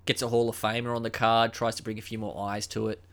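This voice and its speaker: A young man hosting a solo podcast in a casual, rambling way, full of ums and uhs and a flat, unimpressed tone. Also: on the low side, fast. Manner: unenthusiastic, dismissive. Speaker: podcast host.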